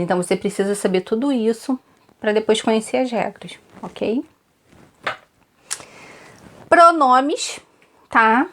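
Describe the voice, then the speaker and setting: A woman with a Brazilian accent giving an online exam-prep lesson, chatty and repetitive, often checking in with her students. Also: medium pitch. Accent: Brazilian Portuguese. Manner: chatty, repeats tips, frequent "tá?" check-ins. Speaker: Portuguese teacher for exam prep.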